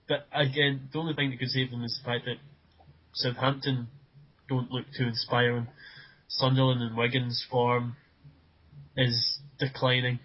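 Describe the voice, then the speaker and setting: A man co-hosting a casual football podcast, often repeating words as he starts sentences. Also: mid-range voice. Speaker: podcast co-host. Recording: dull lo-fi podcast audio.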